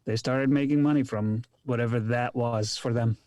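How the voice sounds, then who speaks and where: A man's voice: mid-range voice, steady tone, normal speed, darkish tone, no room sound. Guy from egypt on a video call, dry close sound, lots of ums, thinks as he talks. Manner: thoughtful, hesitant, lots of ums. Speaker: actor and podcast guest. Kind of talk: casual interview chat.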